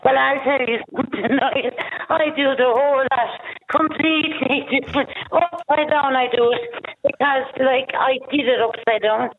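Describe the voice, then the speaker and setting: A woman's voice: high-pitched, normal speed, a little hiss or hum. A woman calling in to a radio phone-in, chatty and laughing, on a muffled bad phone line that makes her sound like she is at the bottom of a well. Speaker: caller. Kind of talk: phone-in chat.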